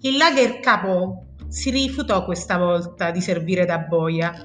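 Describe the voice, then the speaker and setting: A woman giving a solemn literary reading in a grave, measured voice with slow pauses. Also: lowish voice, fairly even intonation. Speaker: reader. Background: soft instrumental music.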